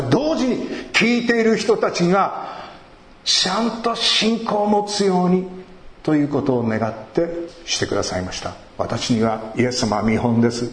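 A male pastor preaching a sermon in a conversational way, asking rhetorical questions and rising sharply in pitch for emphasis. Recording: echoey room.

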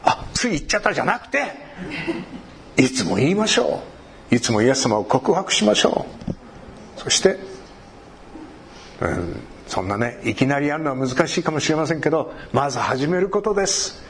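A man's voice: mid-range voice, big pitch swings, moderate pace, long pauses, slight background noise. A man preaching a sermon. He talks animatedly, cracks jokes and acts out short everyday conversations. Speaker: pastor.

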